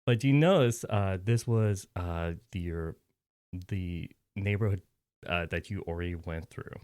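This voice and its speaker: Deep-voiced guy GMing a tabletop game, lots of uhs, dry close sound. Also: fairly even intonation, measured pace, a little mellow, smooth, no room sound. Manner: rambling, many uh fillers and restarts. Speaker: game master.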